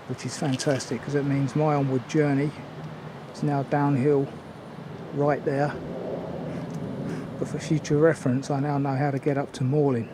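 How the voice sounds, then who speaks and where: An older man giving a casual, unhurried, observational commentary as he films a walk outdoors. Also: mid-range voice. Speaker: hiking vlogger. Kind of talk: casual walking commentary to camera. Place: outdoors on woodland and mountain trail. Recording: outdoor ambient noise.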